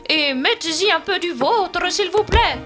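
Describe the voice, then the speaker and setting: A firm yet gentle dance teacher speaks in a high, lively voice, each instruction calm and commanding, as a woman reading a storybook puts her on. The delivery is slow, and soft music plays behind. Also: exaggerated voice.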